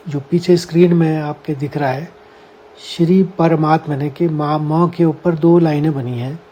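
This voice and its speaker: A Gita teacher gives a scripture lesson, explaining what words mean and carefully sounding out each Sanskrit syllable for his listeners. His voice is a little high with a dark tone.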